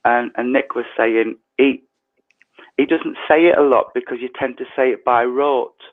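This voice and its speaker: A man leading an online prayer service, his voice tinny through an earpiece mic, reading prayers softly and slowly. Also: mid-range voice, steady tone. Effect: tinny sound from a changed earpiece mic. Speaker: service leader. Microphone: earpiece headset mic. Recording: tinny phone-like online call.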